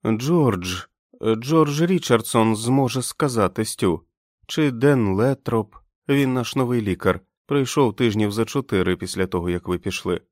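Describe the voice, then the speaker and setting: A man voicing a jittery, excitable young male sentry who babbles eagerly in an audiobook. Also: mid-range voice, unhurried, no echo, clean studio sound, lightly acted. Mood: babbling.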